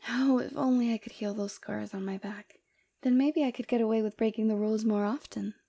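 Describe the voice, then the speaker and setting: Her voice is higher this time, brisk and touched with vocal fry, the mood tender and concerned. She voices a forward, flirtatious rebel villainess with a hidden caring side in a gentle, teasing, intimate ASMR roleplay.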